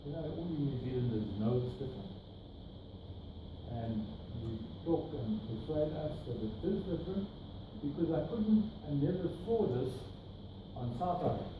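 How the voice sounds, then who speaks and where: A middle-aged South African man, his voice a little high with lively intonation at a normal speed, presents slides to workshop attendees. He points out details as he explains, standing in a meeting room with a projector screen. Captured only by a far camera, the audio is distant, echoey and noisy.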